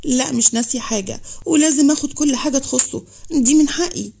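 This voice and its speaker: A woman's voice: high-pitched, fast, vocal fry, mellow. A woman with an Egyptian accent voicing a resentful young wife who complains in a plaintive, defensive way. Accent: Egyptian Arabic.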